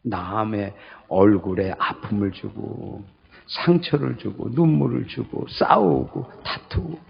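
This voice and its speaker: Gravelly Korean-sermon pastor, animated pitch. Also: male voice, muffled recording. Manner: call-and-response questions to the congregation; wide swings between loud high calls and low murmurs.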